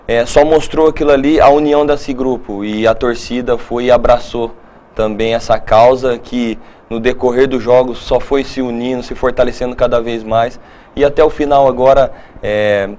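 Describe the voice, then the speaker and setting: A man in his thirties, a footballer, answering questions in a TV studio interview, halting and repeating words as he thinks, on a lapel mic. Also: mid-range voice, darkish tone. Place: TV studio set.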